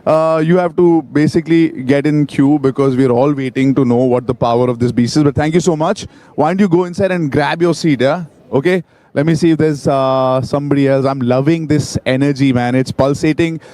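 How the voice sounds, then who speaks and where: A man with an Indian accent hosting a live event in an excited, informal, chatty way. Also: fairly high pitch, brisk. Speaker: event host. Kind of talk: enthusiastic live event hosting, vox-pop interviews.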